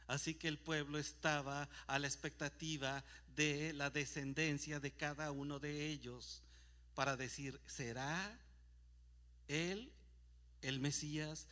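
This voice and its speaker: A man preaches a church sermon, his voice a touch high and very bright. He reads scripture with emphasis and poses rhetorical questions to his listeners. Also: takes it slowly. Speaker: pastor.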